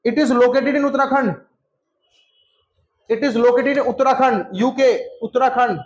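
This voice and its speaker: A man's voice: very high voice, steady tone, slow pace, muffled recording. A man teaching a classroom lesson, repeating answers over and over and quizzing students by name. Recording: echoey classroom.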